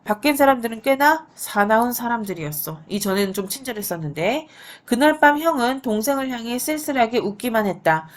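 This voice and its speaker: A woman's voice: a little high, expressive, fairly quick. A woman teaching literature, reading a story aloud and stopping to explain it in a chatty way. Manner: reads dialogue with light voicing, then explains in an easy chatty tone.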